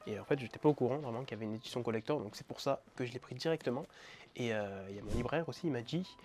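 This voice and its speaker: A man's voice: medium pitch, rapid-fire, darkish tone, a little hiss or hum. Chatty young man gushing over manga. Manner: enthusiastic, chatty, many fillers. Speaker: manga collecting YouTuber. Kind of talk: casual vlog narration.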